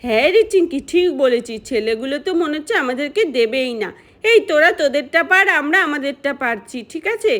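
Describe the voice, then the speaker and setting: A woman's voice: sits high, a little fast. A woman voicing a bossy older girl in a doll-play story. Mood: excited. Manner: bossy, excited.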